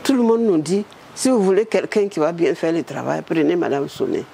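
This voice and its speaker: A cheerful, persuasive prime minister, coaxing and insistent, as an older woman acts him out in her story. The voice climbs higher than her usual and keeps a gravelly edge. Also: expressive, brisk, warm tone, slight background noise.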